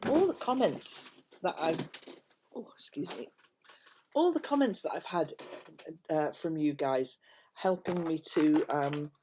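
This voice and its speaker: An older woman speaks to camera in a casual, rambling chat. Her delivery is hesitant and meandering, and her phrases often trail away softly at the end. It sounds like an informal vlog made at home. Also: low voice, lively intonation, a little slow, noisy background. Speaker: vlogger chatting to viewers. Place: at home, indoors.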